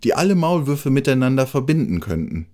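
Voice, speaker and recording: A man's voice: mid-range voice, big pitch swings, a little fast, pitched above the performer's own voice, natural voice. A man doing a shy, dreamy mole. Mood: earnest. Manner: timid, dreamy, speaks softly and humbly. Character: gentle earnest male mole seeking a friend.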